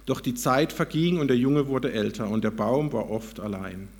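A man narrates a children's story aloud to an audience in a calm, measured way. His mid-pitched voice carries a noticeable gravelly fry. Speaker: speaker reading a story to an audience. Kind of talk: storybook reading within a talk.

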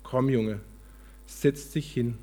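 A man with a slightly husky voice voicing a gentle, giving apple tree, speaking tenderly and apologetically. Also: mid-range voice, fairly even intonation, takes it slowly.

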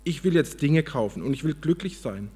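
Brief: a wanting, blunt boy turned weary old man, voiced by a man, slightly husky. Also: fairly high pitch, expressive, moderate pace, warm tone. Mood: demanding. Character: demanding boy growing into a tired old man.

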